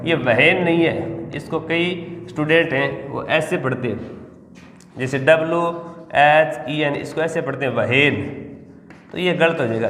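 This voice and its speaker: A man's voice: fairly high pitch, echoey room, big-room sound. A man teaching English grammar in Hindi, explaining step by step and answering his own questions. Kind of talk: classroom lesson.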